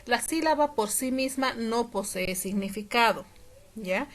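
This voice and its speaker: A woman teacher explaining a lesson patiently, repeating examples slowly and often checking that her students follow. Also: fairly high pitch.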